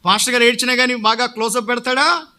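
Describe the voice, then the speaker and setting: A man preaches with a strikingly high, very bright voice. He questions his listeners again and again and then gives the answer himself, as a pastor in full sermon. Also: fast.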